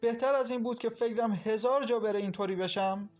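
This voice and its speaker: A man's voice: high-pitched, faint music behind, pitched above the performer's own voice, close to an everyday voice. A man reading a storybook, voicing a distraught young husband who pleads and raises his voice in anguish.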